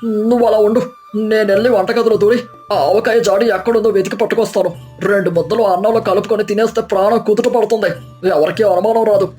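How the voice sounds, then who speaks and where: A woman's voice: medium pitch, fairly even intonation, fast talker, faint music behind, lightly acted. A woman voicing a miserly, boastful husband who grumbles and schemes. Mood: scheming. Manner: grumbling, then yelling. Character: miserly middle-aged husband, greedy and boastful.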